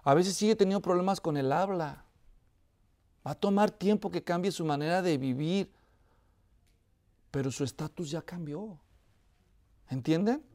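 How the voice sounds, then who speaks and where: A man preaching an expository sermon who keeps asking the congregation whether they follow. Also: high-pitched. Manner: asks the congregation frequent check-in questions; tells a joke in a lively, animated way.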